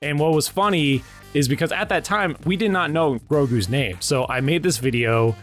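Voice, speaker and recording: A man's voice: a little high, normal speed, soft background music. A man hosting his animation channel, giving casual, informal and rambling commentary on how he makes his videos. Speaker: animation channel creator and host.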